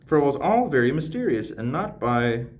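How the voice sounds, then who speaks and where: A young man reads a classic novel aloud, stopping often for slangy jokes and laughter. His voice swings lively up and down around a middle pitch. It sounds casual and unpolished, like a home reading video. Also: moderate pace. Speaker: channel host.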